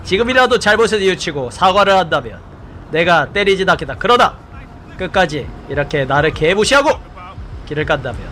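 A man's voice: high voice, very animated, fairly quick, pushed and bright, heavily acted. A man voicing a swaggering male vigilante tough guy in a game role-play dub, speaking in a pompous, declamatory way. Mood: menacing.

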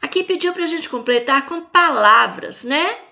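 Woman teacher, Brazilian Portuguese accent, slow and careful, spells out letters, stresses each word. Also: sits high, expressive, gravelly, pushed and bright. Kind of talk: slow video lesson for young children.

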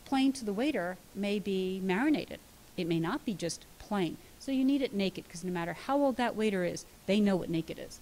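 A middle-aged woman dietitian giving a lively, practical talk to an audience, telling stories and acting out the dialogue with emphasis. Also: medium pitch, moderate pace, poor audio. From United States. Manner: storytelling, acts out dialogue, emphatic. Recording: faint hiss.

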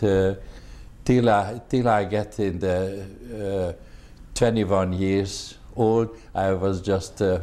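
A Hungarian-accented man in his seventies speaks English slowly in a very low, dark, mellow voice. He halts often and searches for words, and he stays polite throughout. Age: 70s. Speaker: veteran interviewee. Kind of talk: oral history interview.

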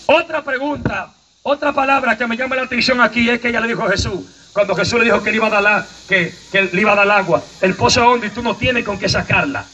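A man preaching a fiery outdoor sermon, exhorting the crowd and breaking into sudden shouts. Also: high-pitched, fast talker, slight background noise. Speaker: evangelist preacher. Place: outdoor night vigil.

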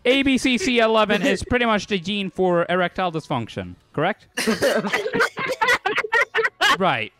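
Lively young man, joking. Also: high voice, moderate pace, pauses often, noisy background. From Sweden. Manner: animated, joking, profane. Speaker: gaming host. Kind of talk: casual gaming chat.

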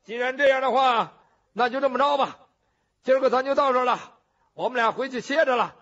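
A man's voice: very high voice, brisk, a bit bright, pitched above the performer's own voice. A male storyteller voicing a brash, swaggering bandit hero who blusters and gives orders, in a traditional storytelling performance. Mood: bossy. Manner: blustering, defiant, bossy. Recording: dull lo-fi recording.

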